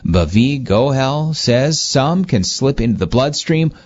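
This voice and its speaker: A man reading the morning news as a radio anchor, in a steady, measured delivery, heard through a small tinny radio. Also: mid-range voice. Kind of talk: scripted newscast reading. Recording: muffled lo-fi radio broadcast.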